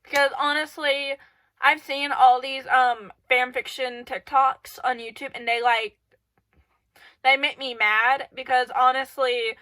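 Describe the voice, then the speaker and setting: Poor audio from a camera in her room carries this woman's high, sharp voice, which barely moves in pitch and runs a little slow. As host of her own channel, she gives casual advice in a rambling, filler-filled way while stuffy and congested with a cold.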